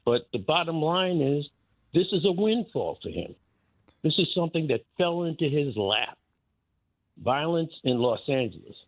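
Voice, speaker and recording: A man's voice: fairly high pitch, big pitch swings, normal speed, no echo. An older man, calling in to a radio talk show and speaking bluntly and emphatically. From New York. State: caller on a phone line to a radio show. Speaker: radio show caller, former talk radio host. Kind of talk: opinionated call-in talk. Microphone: telephone. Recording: tinny dry phone line.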